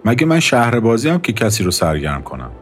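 A man's voice: fairly low pitch, wildly swooping pitch, soft background music. Man playing a teasing, doubtful young man. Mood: half-joking. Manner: half-joking, playful.

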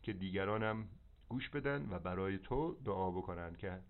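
A man's voice: low voice, expressive, crowd noise. A man giving preaching, directive spiritual counsel over a landline phone, often checking that the listener understands. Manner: didactic, directive, with check-in questions. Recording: narrow, tinny telephone line.

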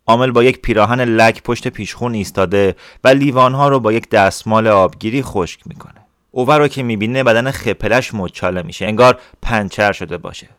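Low-voiced man reading a story. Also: fairly bright tone, no echo, clean studio sound. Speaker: audiobook reader. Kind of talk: scripted storybook narration.

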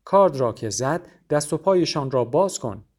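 Man playing an old grandfather, calm, fatherly, gentle, a bit high. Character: elderly grandfather, gentle patriarch of the house.

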